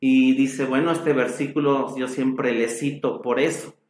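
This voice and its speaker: Slow, emphatic male preacher in an echoey hall. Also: medium pitch, steady tone, darkish tone. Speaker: pastor. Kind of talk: sermon. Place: church hall.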